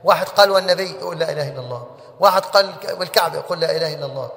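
A man's voice: on the high side, very fast, creaky, fairly bright tone. A man teaching a religious lesson, who keeps asking his listeners rhetorical questions. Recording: long hall reverb.

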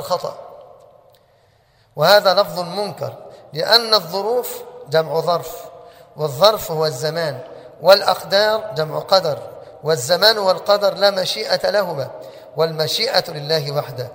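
Guy giving a religious lesson, kinda high voice, lots of reverb like a big hall, keeps asking the crowd questions. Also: brisk, fairly bright tone. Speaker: religious teacher.

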